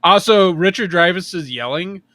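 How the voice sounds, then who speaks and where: A young man co-hosting a film review podcast, talking in a casual, animated way and laughing often. His voice sounds bright and a little raised in pitch. The sound is dry and close. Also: moderate pace, no echo. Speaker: podcast co-host.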